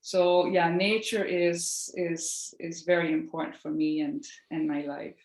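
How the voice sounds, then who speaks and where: A woman's voice: on the low side, flat delivery, measured pace, a little mellow. Earnest Dutch-accented woman, roomy sound. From Netherlands. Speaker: podcast guest, Reiki practitioner. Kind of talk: casual interview chat.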